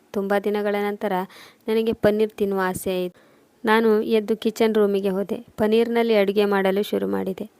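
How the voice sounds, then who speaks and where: A woman reading a scripted first-person emotional story in a steady, measured way. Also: medium pitch, no echo. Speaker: narrator.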